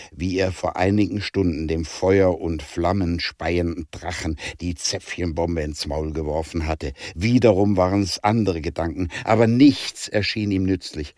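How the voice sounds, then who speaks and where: A man narrating an audiobook in a calm, measured way. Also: deep voice, no room sound, clean studio sound.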